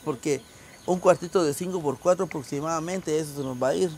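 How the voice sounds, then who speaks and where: Guatemalan guy vlogging, fairly high voice, chatty explaining, bit of background noise outside. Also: fairly quick, darkish tone. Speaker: host of charity vlog. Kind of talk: casual explaining to camera and group. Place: outdoors in a rural wooded yard. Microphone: handheld phone.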